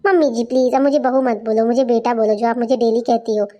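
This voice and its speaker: A frustrated, overworked young daughter-in-law in a cartoon story, voiced by a woman. Her voice is high and mellow, and she speaks in a plaintive, complaining way. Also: steady tone, quick pace, close to an everyday voice. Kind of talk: cartoon voice acting.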